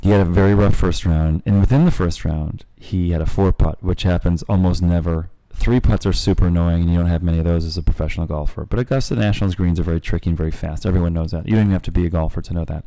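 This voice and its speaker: A man's voice: low voice, steady tone, quick pace, few pauses, warm tone, dry recording, low-quality recording. A man co-hosting a casual chat, a teasing, chatty storyteller. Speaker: podcast co-host and golf dad.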